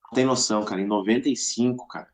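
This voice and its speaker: Talking very fast in a mid-range voice with fairly even intonation, a middle-aged southern Brazilian man from Rio Grande do Sul shares casual stories as a podcast guest. His speech is colloquial, and he performs the quoted lines himself.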